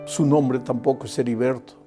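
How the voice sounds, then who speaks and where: A man's voice: mid-range voice, fairly even intonation, moderate pace, warm tone. An older male preacher delivering an earnest evangelistic sermon, speaking directly to the listener. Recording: faint music underneath.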